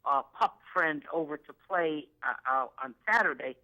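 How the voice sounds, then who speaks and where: A woman in her sixties calls in to a vet show, polite and a little hesitant, filling her speech with frequent "uh"s and "yes, sir." Her voice is low-pitched with a sharp tone at a moderate pace, and the audio is poor.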